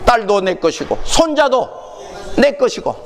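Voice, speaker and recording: Male preacher doing a possessive old uncle, high insistent voice, churchy reverb. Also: very animated, measured pace, creaky, full character voice. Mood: grasping. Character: grasping old uncle claiming everything as his.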